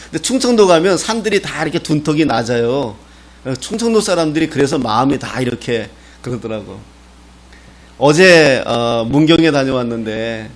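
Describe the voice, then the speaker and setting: A middle-aged man, a pastor from Gangwon Province, preaching a sermon in a folksy, storytelling manner with touches of humor. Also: medium pitch. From Gangwon Province, Korea.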